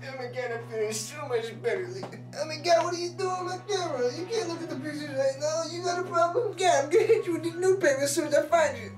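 A cranky, ditzy portrait photographer, played by a woman for a school comedy sketch, whining and exclaiming about her customers in a high, piping voice. She is heard from a distance in a roomy, echoing space. Music plays behind her. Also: fast, few pauses, lightly acted. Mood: exasperated. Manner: whiny, keeps exclaiming "oh my God". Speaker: sketch actor.

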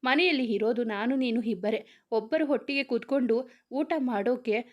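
A caring mother from a storybook who gently chides her grown son, read by a woman. Her tone is reproachful but tender, a little high in pitch. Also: moderate pace, highs cut off, lightly acted.

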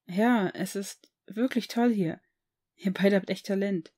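A woman's voice: mid-range voice, measured pace, a little mellow, natural voice. Brief: a shy 16-year-old boy, hesitant and stammering, read by a woman, audiobook.

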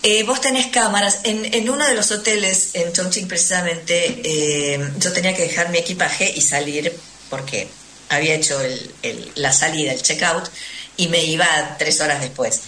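As a radio interview guest, an Argentine traveller recounts what she has experienced, talking at normal speed in a fairly low voice that sounds pushed and bright. She speaks conversationally and emphatically with an Argentine Spanish accent, repeating words for stress. Faint noise and roomy echo fill the recording.

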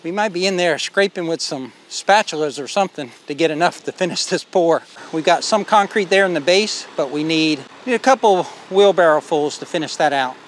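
Guy filming himself at a building site, kinda high voice, faint outdoor hum behind. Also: brisk, hardly any pauses. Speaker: homestead vlogger. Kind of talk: casual walk-and-talk narration. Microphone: phone held at arm's length.

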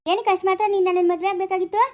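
A woman playing a young wronged wife who wails in a high, plaintive voice and throws bitter accusations. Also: flat delivery, racing. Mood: bitter, accusing. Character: young wronged wife, tearful, sharp-tongued. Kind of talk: amateur family drama acting.

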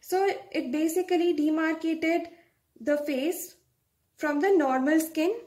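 A young woman gives a medical lecture in a high voice. She speaks slowly and explains things step by step, often stopping to check with a "right?". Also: fairly even intonation, a little mellow.

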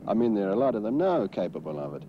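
A man's voice: fairly low pitch, sing-song, rapid-fire. Man on muffled old newsreel audio. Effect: old newsreel film sound. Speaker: interviewee. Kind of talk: newsreel street interview. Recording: dull 1970s newsreel audio outdoors with traffic.

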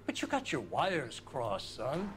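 An actor playing a gruff, defensive, cranky old male neighbor questioned as a witness in a crime game. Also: mid-range voice, huge pitch swings, slow, fairly bright tone, slight background noise, full character voice. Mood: combative. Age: older. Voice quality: gruff, defensive, coarse-spoken.

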